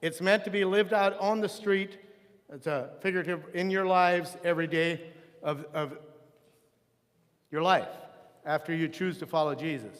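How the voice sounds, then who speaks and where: A man with a fairly high voice teaches a Sunday school class on church history. He talks in a loose, conversational way, restarting phrases and wandering into asides. The sound carries a long reverb from a church hall. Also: normal speed, pauses often. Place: church room.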